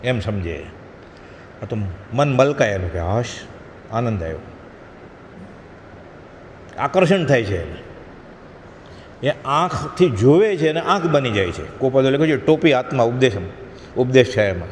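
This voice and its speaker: A man's voice: medium pitch, very animated, normal speed, long pauses. Man lecturing in a reverberant hall. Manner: earnest, admonishing, acts out short quoted prayers. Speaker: spiritual lecturer. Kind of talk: devotional discourse. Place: satsang hall. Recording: long hall reverb, faint ambient noise.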